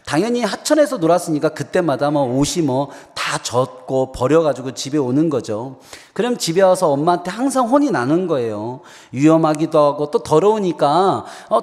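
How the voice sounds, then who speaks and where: A man preaching a sermon in a church sanctuary, telling a personal story to the congregation. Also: on the high side. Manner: animated storytelling, addresses congregation. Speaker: pastor. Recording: long hall reverb.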